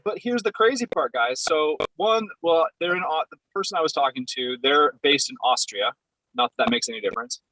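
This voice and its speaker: Bright, dry-sounding man rambling from his car. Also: on the high side, lively intonation, a little fast, no echo, rough recording. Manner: rambling, hesitant storytelling with many ums. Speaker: podcast guest. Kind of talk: casual chat. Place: in a parked car.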